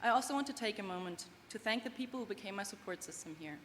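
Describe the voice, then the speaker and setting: In a large hall full of long reverb and faint background noise, a young woman from Germany delivers an earnest, heartfelt prepared graduation speech. She speaks English as a second language, with an animated, medium-pitched voice at a quick pace.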